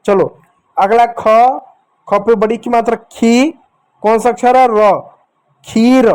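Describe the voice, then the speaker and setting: A man teaching children to read, slowly sounding out letters and syllables and coaxing them to repeat after him. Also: extremely high pitch, steady tone, darkish tone, clean tone. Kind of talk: children's reading lesson.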